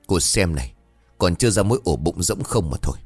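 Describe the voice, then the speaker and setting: A confident village watchman, voiced by a male storyteller, steady and lower in pitch in an audio ghost story. He lays out his reasoning with assurance and a lively lilt. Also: a little fast, breathy edge, no echo, soft background music, exaggerated voice. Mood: assured. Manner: firm, explaining. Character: stout village watchman, sure of himself.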